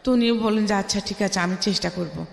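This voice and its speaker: A middle-aged woman with a Bangladeshi accent, appearing as a guest on a radio interview, tells her life story emphatically and acts out remembered conversations. Her voice is mid-range and gravelly, and she talks fast. The room is echoey, with a long reverb tail.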